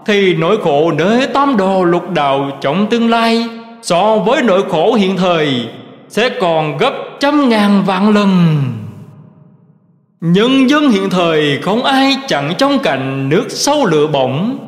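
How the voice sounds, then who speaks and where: A man giving a slow, measured recitation of Buddhist teachings in a scripted reading style. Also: high voice, animated. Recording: roomy recording with long reverb.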